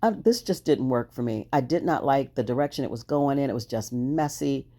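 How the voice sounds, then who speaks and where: A woman's voice: a bass voice, animated, a little fast, warm tone. A woman hosting a crafting video, chatting cheerfully through each step and laughing at her own struggles. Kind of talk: casual crafting voice-over.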